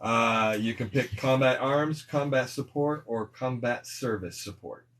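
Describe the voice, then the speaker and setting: A man's voice: medium pitch, a little slow, noisy background. A man acting as game master, explaining the rules step by step during character creation. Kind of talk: running a tabletop character creation.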